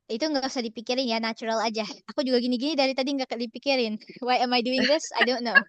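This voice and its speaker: A woman's voice: a little high, fairly even intonation, fast talker, a bit bright, dry recording. Cheerful young woman teaching over video call. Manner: casual, cheerful, mixes in English phrases, laughs often. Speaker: workshop presenter. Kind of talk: online workshop talk. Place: relative's home.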